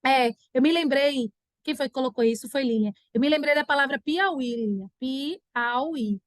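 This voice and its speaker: A woman teacher giving an online grammar lesson, animated and acting out her students' questions. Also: high-pitched, brisk, no room sound, clean studio sound.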